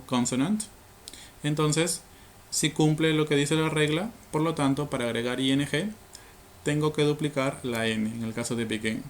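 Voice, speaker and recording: A man's voice: mid-range voice, slight background noise. Patient, methodical male English teacher. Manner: patient, methodical, many fillers and tag questions. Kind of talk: explaining grammar rules to learners.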